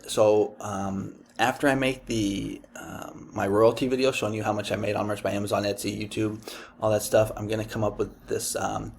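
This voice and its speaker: A man with a Dominican accent hosts a casual YouTube screen-share tutorial on print-on-demand design, rambling chattily with many ums and restarts. His voice is lowish, gravelly and darkish, with a little hiss or hum in the recording.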